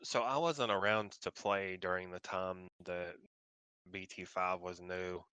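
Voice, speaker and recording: A man's voice: sits low, fairly even intonation, a little slow, sharp tone, clean tone, dry recording, poor audio. A man co-hosting a podcast, explaining card game rules in casual chat. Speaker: podcast co-host.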